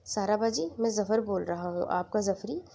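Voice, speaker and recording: A woman's voice: mid-range voice, creaky, warm tone. A woman voicing a trembling, pleading young brother. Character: young man, anxious, grieving brother.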